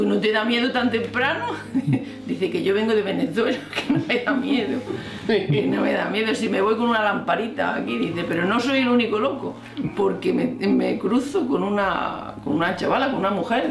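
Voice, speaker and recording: A woman from Spain, a hospital colleague, telling an animated story in a documentary interview and acting out remembered dialogue. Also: mid-range voice, normal speed, gravelly. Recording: roomy room with faint music.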